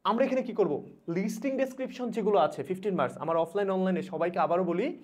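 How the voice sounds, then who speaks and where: A young man from Bangladesh, an English teacher giving rapid exam advice to students, repeating instructions urgently. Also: high-pitched, darkish tone. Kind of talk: exam suggestion lesson.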